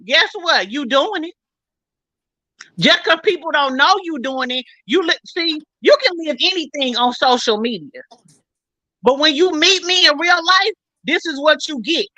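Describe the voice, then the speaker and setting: Blunt high-voiced woman. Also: animated, a little slow, pushed and bright, no room sound, rough recording. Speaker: panelist. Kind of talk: casual podcast chat.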